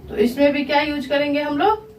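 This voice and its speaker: A woman English teacher giving a grammar lesson, asking her students questions and answering them herself. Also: high voice. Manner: slow, repeats questions to the class and answers them. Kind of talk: grammar lesson explained in Hindi. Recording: echoey room, voice from far.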